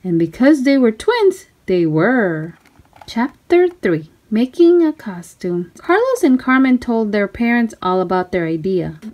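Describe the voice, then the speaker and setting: A woman reads a children's storybook aloud in an expressive, deliberate manner, her voice on the high side.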